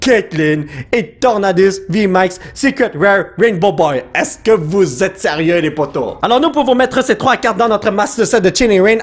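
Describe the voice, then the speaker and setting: A young man with a Quebec French accent hosts a card-opening vlog, his voice sitting high and swinging widely. He sounds a little hoarse and keeps rattling off card names with eager excitement. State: slightly hoarse from shouting. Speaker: YouTuber opening trading card packs.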